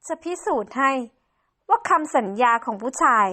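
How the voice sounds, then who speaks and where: Brief: a high, sugary, scheming young mistress in a game drama, as a woman plays her. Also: sing-song, moderate pace, pushed and bright, full character voice. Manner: sly, sugary.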